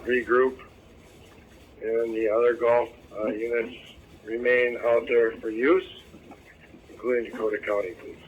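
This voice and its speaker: A man's monotone voice comes through a thin, phone-like police radio channel. He gives a flat, halting field report with pauses between the words. Faint static hisses under the whole transmission. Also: mid-range voice. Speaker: police officer.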